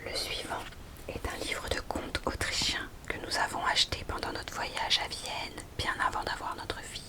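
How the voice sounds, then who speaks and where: In whispered ASMR book talk, a young woman acts as host, gently suggesting storybooks. Her hushed, library-style voice stays soft and never rushes.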